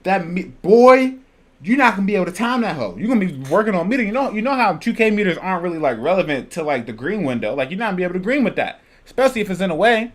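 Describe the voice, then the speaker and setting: A man hosting a casual reaction video, talking in a loose, rambling, excitable way. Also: high-pitched, fast talker. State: out of breath. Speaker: channel host reacting to a video.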